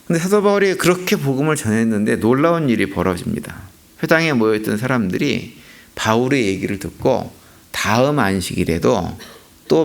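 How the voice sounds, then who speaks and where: A man's voice: on the low side, creaky. A man preaching a sermon as a pastor, asking rhetorical questions and repeating key points for emphasis. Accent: Korean. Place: church sanctuary.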